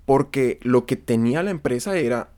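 A man's voice: medium pitch, expressive, normal speed, darkish tone. A man with a Colombian accent telling stories casually in conversation, with slang, swearing and bits of acted-out dialogue. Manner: slangy, profane, acts out quoted dialogue. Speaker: interview guest.

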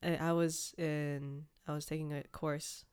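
A young woman with a notably low voice talks candidly in a casual conversation. She is expressive and laughs often. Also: a little slow, clean tone. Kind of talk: casual chat.

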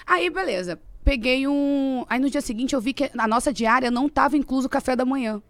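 A young Brazilian woman telling a story in casual chat as a guest, animated and laughing often. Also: high-pitched, fairly quick, no echo.

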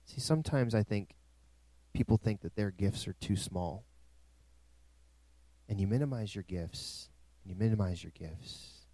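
A man's voice: on the low side, a little slow, pauses often, dark tone, no echo. A male pastor preaching a sermon in a dry, close recording, with emphatic rising swells.

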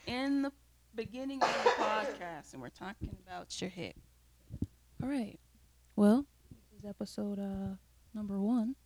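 A woman's voice: mid-range voice, measured pace, long pauses, a little mellow, poor audio. A woman co-hosting a podcast with friends, joking, swearing and laughing as she talks. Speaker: podcast co-host. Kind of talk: casual chat among friends.

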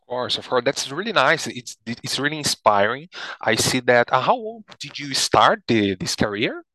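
A man's voice: medium pitch, very animated, normal speed, sharp tone, no room sound. A man, a native Portuguese speaker, hosting an interview in a friendly manner and often repeating words as he forms his questions. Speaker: host, English teacher.

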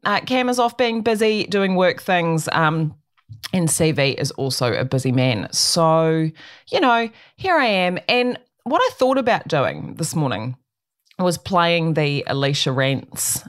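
A middle-aged New Zealand woman hosting a talk show solo, ranting in an emphatic, wry, conversational way. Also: fairly low pitch. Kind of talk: opinionated solo rant, conversational.

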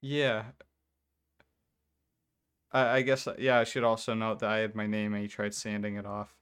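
A man's voice: lowish voice, completely flat delivery, normal speed, a bit bright, clear, resonant tone. A young man co-hosting a casual chat, telling a story and acting out the people in it. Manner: storytelling, mimics others in quotes. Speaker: podcast co-host.

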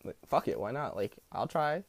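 A man with a smooth voice hosting a solo podcast in casual, rambling talk full of slang and swearing. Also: mid-range voice, big pitch swings, normal speed, no echo. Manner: profane, slangy. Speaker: podcast host.

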